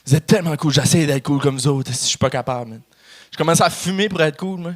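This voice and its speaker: A man's voice: a little high, fast talker. A man from New Brunswick doing a brash, swear-filled, self-mocking stand-up set on a comedy club stage.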